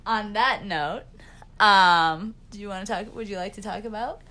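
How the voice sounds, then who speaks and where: A woman's voice: medium pitch, moderate pace, pushed and bright. A woman co-hosting a podcast in casual chat, playful and laughing, stretching out her words. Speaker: podcast co-host.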